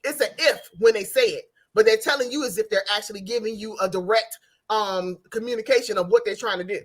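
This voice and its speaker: A woman's voice: mid-range voice, fairly quick, breathy edge. A woman co-host in a casual group chat, insistently repeating herself to press a point. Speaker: podcast co-host.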